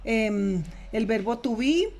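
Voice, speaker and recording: A woman teacher with a Colombian Spanish accent, explaining a lesson slowly and spelling out letters one by one. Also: on the high side, animated, darkish tone. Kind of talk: recorded lesson feedback.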